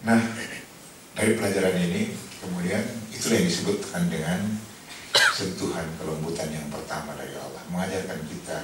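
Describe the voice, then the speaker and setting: Low voiced guy preaching a sermon, telling stories w jokes, echoey hall, mic far off and noisy. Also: brisk. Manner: lively storytelling, acting out voices with humor. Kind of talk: Ramadan study sermon.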